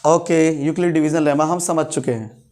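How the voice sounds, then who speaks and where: A male math teacher with a Hindi accent and a fairly high voice. He teaches a classroom lecture and keeps firing short questions at his students, then answers them himself. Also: moderate pace, darkish tone, faint music behind. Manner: quizzing students with repeated questions.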